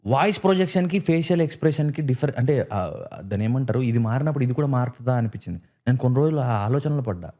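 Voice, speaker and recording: A man speaking as a podcast guest in a dark, mellow voice at a middle pitch. He tells stories with animation and slips into acted-out quotes as he goes. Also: fast talker. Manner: animated storyteller who acts out quoted lines. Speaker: guest actor. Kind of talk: casual podcast chat.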